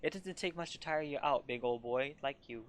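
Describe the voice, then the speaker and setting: A woman's voice: low voice, brisk, noisy background, close to an everyday voice. Woman doing a doting older shopkeeper lady. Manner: doting, sweet, cooing. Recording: game music behind the voice.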